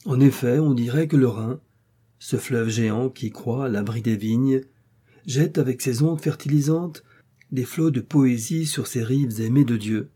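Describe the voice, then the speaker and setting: A man reading an old moral tale aloud as a measured, literary narrator. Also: medium pitch, mellow, breathy edge. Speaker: audiobook narrator. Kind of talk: scripted narration.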